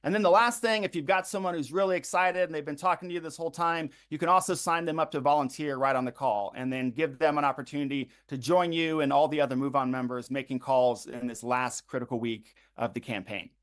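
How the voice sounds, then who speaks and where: Brief: male organizer, slightly higher register, instructional briefing full of ums and slow repeated links. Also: steady tone, a bit bright. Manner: frequent ums and uhs, repeats web addresses slowly. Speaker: campaign organizer leading a phone bank livestream.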